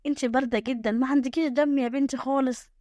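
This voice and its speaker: A woman's voice: high-pitched, steady tone, rapid-fire, darkish tone, dry recording, clean studio sound, natural voice. A woman voicing a worried middle-aged village mother with an Egyptian accent who pleads and scolds. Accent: Egyptian Arabic.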